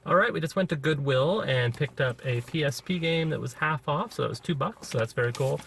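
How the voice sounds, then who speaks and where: A brisk man with a fairly high, creaky, somewhat bright voice vlogs casually about video game collecting. Moving between shops and a mall, he frequently checks in with a companion, recorded on location amid traffic and ambient noise.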